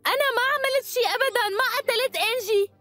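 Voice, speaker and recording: A woman's voice: high voice, animated, quick pace, no room sound, faint music behind. A woman dubbing a young woman accused of murder, who is defiant and insists tearfully that she is innocent. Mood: frantic. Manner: insists on her innocence, breaks into tears. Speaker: dubbing actress. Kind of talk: Arabic dub of a TV drama.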